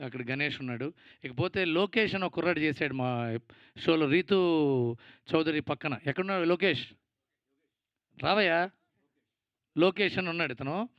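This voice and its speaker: A man's voice: a little high, moderate pace, long pauses, a bit bright, dry recording, highs cut off. A Telugu-accented man giving a producer's speech at a film event, rambling, thankful and teasing. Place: event stage.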